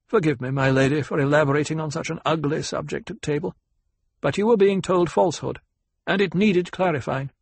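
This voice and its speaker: Man playing a lecturing ecologist, raised pitch. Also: slightly rough, no echo. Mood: courteous, assured. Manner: lecturing, measured, assured. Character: calm, lecturing male ecologist, quietly formidable.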